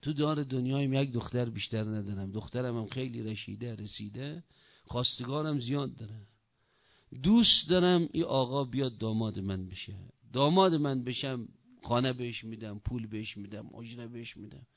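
A man's voice: medium pitch, vocal fry, no echo, natural voice. A man voicing a remorseful old male spice seller who pleads and blames himself, on a dull, dry recording. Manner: pleading, self-reproaching.

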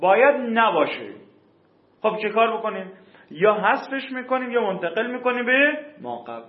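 Male teacher, fairly high voice, patient and repetitive, in an echoey room. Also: narrow, tinny audio. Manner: slow, repetitive explaining with questions to students. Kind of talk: classroom grammar lesson.

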